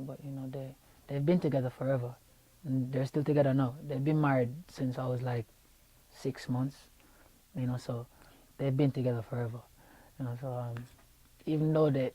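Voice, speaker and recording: Speaking into a lapel mic in a radio station studio, a young Jamaican man who sings answers interview questions in a laid-back manner, leaning on fillers and repeated words. His voice sits in the mid range with a warm tone. The audio is dry and of poor quality.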